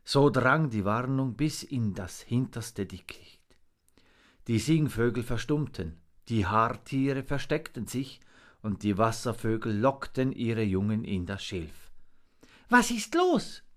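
A man narrating a storybook in an expressive, measured reading. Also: mid-range voice.

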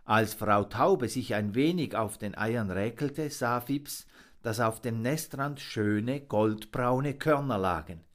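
A man narrating a children's storybook aloud with expressive, dramatic pacing. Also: mid-range voice, slow pace. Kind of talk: storybook reading.

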